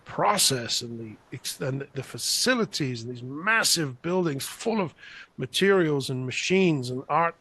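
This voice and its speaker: An older man from England who grew up in Spain, telling animated, rambling stories as an interview guest over a video call. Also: fairly high pitch, a little slow, breathy edge. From England, raised in Spain. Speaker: guest artist. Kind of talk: conversational interview storytelling. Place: home room, indoors. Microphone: large podcast mic on a video call, headphones.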